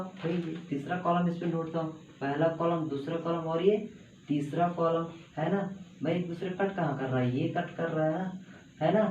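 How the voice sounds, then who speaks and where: A man's voice: a little high, dark tone. A man teaching a math lesson at a board, repeating steps and coaxing students along. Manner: repetitive, coaxing, says "bhai" and "hai na" often. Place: classroom with a small board. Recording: echoey room, slightly dull audio with faint background noise.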